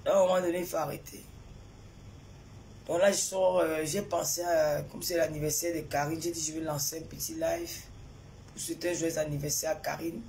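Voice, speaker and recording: A woman's voice: deep voice, fairly even intonation, brisk, a little mellow, a little hiss or hum. Woman on a phone live, indignant, asks questions over and over, greets viewers by name. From Cameroon. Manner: indignant, repetitive rhetorical questions. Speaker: social media personality. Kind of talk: live-stream monologue to followers.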